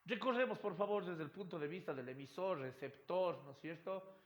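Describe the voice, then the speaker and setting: A man's voice: high-pitched, normal speed. Man teaching in an echoey room. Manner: checks in with "right?" and "yes?" after points; repeats words and restarts phrases. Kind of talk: recorded classroom lecture. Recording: roomy echo.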